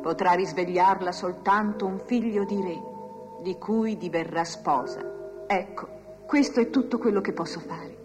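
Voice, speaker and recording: A woman's voice: medium pitch, unhurried, over music, lightly acted. An actress playing a kind young fairy who reassures the king and queen. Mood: reassuring. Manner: gentle, reassuring.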